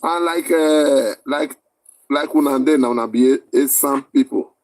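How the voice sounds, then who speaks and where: A man from Benin with an Igbo-sounding Nigerian accent, arguing informally in Pidgin, haltingly repeating phrases to hold the floor. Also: mid-range voice, darkish tone. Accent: Nigerian, with an Igbo-sounding tinge.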